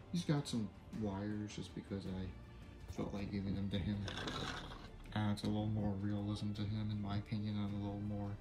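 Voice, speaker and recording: Relaxed and casual, a young man with a fairly low, creaky voice walks through the build of a toy he made, step by step. He adds small asides and corrects himself, narrating from a basement room with music in the background.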